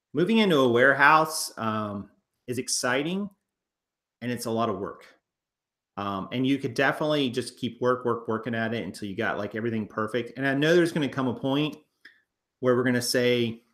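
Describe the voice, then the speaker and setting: A man's voice: mid-range voice, fairly bright tone. A man in his thirties co-hosting a casual chat from a living room couch, rambling with fillers and restarts while walking through photos. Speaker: co-host of a reselling channel.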